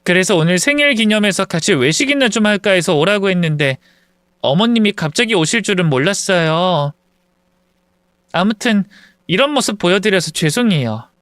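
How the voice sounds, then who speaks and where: A man's voice: high voice, lively intonation, moderate pace, a bit bright, clean tone, no room sound, studio quality. A man voicing a polite, apologetic young wife, a busy doctor, speaking formally and soothingly in a story reading.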